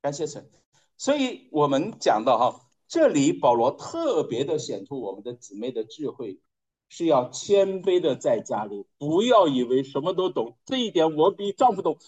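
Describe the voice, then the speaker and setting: A man preaching a storytelling sermon, conversational and folksy, repeating phrases for emphasis and often letting his voice sink low and quiet at the end of a point. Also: big pitch swings, normal speed, low-quality recording.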